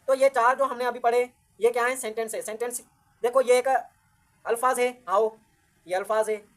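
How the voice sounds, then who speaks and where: A woman's voice: on the high side, steady tone, normal speed. A woman teaching a grammar lecture, patiently repeating each point and counting words aloud as she explains.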